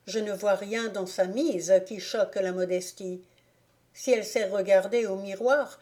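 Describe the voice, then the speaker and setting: A poor old village woman from a storybook, plainspoken and gently teasing, as a woman reader voices her. The tone is mellow and soft, with only a slight lift in pitch. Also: lightly acted.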